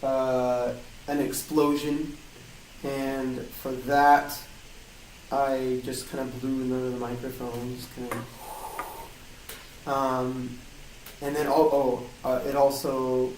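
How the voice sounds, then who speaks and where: This game audio designer answers interview questions in a loose, hesitant, stop-start manner while explaining his work. His voice sits at medium pitch with a flat delivery and a darkish tone. The small, hard-walled co-working office gives a roomy metallic flutter echo, heard through a distant mic with faint noise.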